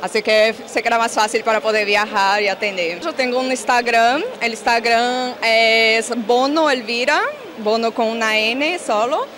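A young woman from Brazil, a tattoo artist, answering an interviewer's questions in a relaxed, unhurried way into a handheld mic in a large expo hall. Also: a little high, a crowd in the background.

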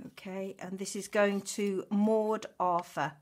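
A woman's voice: medium pitch, fairly even intonation, takes it slowly, a little mellow. A woman hosting a craft channel, chattily announcing giveaway prize winners in an informal, self-mocking and gushingly thankful way. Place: indoors at a craft table.

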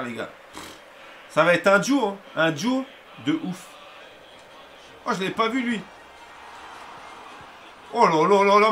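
Excitable streamer with a high, bright voice. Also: male voice, a little hiss or hum. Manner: excitable, loud outbursts and swearing. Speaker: gaming streamer. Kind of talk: live video game commentary. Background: music playing.

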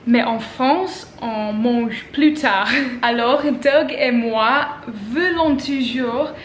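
A young woman from England chatting casually in a vlog, speaking slowly and carefully and laughing often. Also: a little high, reverberant, a little hiss or hum. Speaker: vlogger. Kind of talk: casual vlog, learning French. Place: indoors at home, study.

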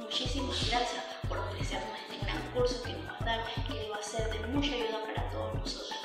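A woman's voice: a little high, steady tone, a little fast, recorded from a distance. Young woman in an echoey room with music. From Panama. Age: 20s. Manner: explanatory, reading a prepared text. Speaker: university student. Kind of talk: class video presentation. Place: small room indoors.

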